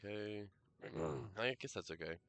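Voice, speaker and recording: A man streaming a game in casual live commentary, rambling and hesitant with many fillers and self-corrections, coughing and clearing his throat now and then. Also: fairly low pitch, a little slow, a bit bright, no room sound.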